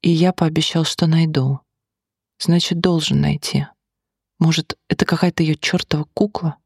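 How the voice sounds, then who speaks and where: An audiobook reader voicing a weary, cynical man who answers in flat, short replies while drinking at a bar. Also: medium pitch, moderate pace, breathy edge, no echo, clean studio sound. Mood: grim.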